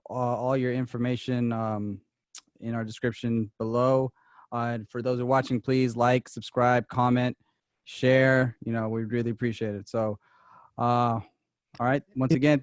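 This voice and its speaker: A young man hosts a casual podcast, tossing out quick questions in a relaxed manner. His voice sits at a middle pitch for a man. The sound is close and dry, with no room echo. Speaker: podcast host.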